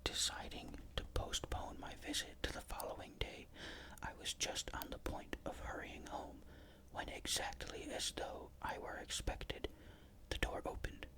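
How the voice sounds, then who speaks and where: A narrator reading a ghost story in a breathy, unvoiced whisper, with measured, careful literary phrasing.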